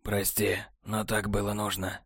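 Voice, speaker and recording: Cold, scornful male traitor, soft and low, contempt in every word, as a male narrator puts him on. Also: completely flat delivery, measured pace, breathy edge, dry recording, studio quality, heavily acted. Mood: contemptuous. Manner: low, hushed, sneering delivery.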